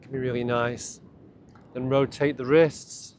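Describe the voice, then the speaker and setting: The speaker is a man with a mid-range voice leading a morning meditation paired with self-massage. His pacing is slow and calming, broken into short phrases, over steady, clear background ambience.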